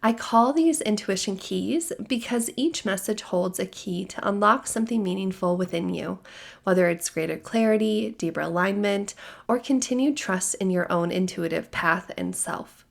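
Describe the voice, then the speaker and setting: A woman podcast host, her voice hoarse from a lingering cold with a gravelly, fry-laden edge, shares channeled messages in a gentle spiritual guidance monologue. Her pitch is neither high nor low, and she speaks softly, steadily, and soothingly in a calm, measured way.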